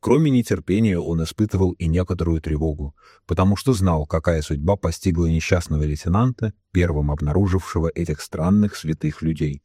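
A man's voice: low-pitched, warm tone, husky, no echo, studio quality. A man reading a novel aloud as a narrator, giving the characters' lines in his own voice with little change. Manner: reads all characters himself, slowing for solemn quotes. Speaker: audiobook narrator. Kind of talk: scripted narration.

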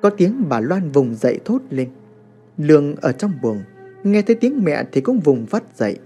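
Man narrating horror, high lively voice, mellow tone, faint music behind. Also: normal speed, husky. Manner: dramatic expressive storytelling.

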